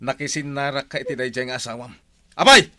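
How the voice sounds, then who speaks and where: A man's voice: medium pitch, expressive, fast talker, bright, forceful tone, no echo, studio quality. A man with an Ilocano accent acting a jealous, violent, hot-tempered husband in a radio drama, accusing and confrontational. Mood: angry, jealous.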